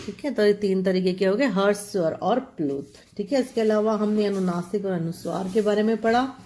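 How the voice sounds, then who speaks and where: A woman's voice: mid-range voice, dark tone, a little hiss or hum. A woman teacher giving a grammar lesson, going through letters one at a time, repeating each term and checking with her students as she writes. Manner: slow, repeats terms, checks with "ठीक है".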